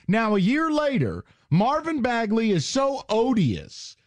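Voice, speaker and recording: A man's voice: very high-pitched, huge pitch swings, slow pace. A male sports talk host ranting sarcastically with mocking jabs and heated emphasis.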